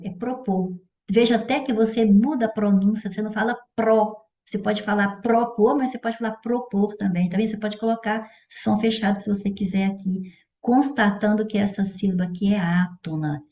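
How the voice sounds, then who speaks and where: A woman's voice: mid-range voice, steady tone, a little fast, warm tone. A Brazilian woman teaching a grammar lesson for exam prep. She explains step by step and keeps asking whether her students follow. The recording is dull and muffled, with the echo of a bare room. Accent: Brazilian Portuguese. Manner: didactic, checks in with "certo?" and "olha". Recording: dull echoey room audio.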